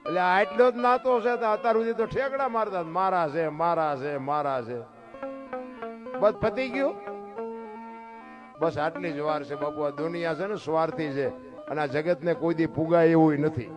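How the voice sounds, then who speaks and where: A man tells devotional folk tales from a stage, his voice sitting high. He talks in a folksy, emphatic way and throws rhetorical questions at the crowd. Plucked string music plays clearly behind him. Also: normal speed. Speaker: folk storyteller. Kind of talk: devotional folk storytelling talk.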